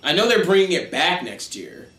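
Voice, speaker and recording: A man co-hosting a casual wrestling podcast, talking quickly with bursts of excitement and frequent laughter. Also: high voice, a little hiss or hum. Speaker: wrestling show co-host. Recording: roomy echo.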